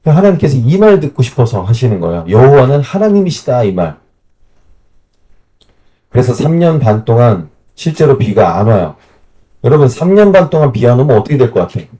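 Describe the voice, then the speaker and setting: A man teaching a Bible camp class, retelling stories in lively, colloquial speech and putting questions to his listeners. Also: mid-range voice, fairly quick, slightly rough.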